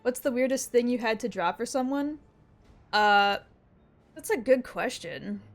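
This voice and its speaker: Playful, high-voiced woman streaming. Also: measured pace. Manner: playful, expressive, swears casually. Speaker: game streamer. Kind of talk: casual livestream chat. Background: game music.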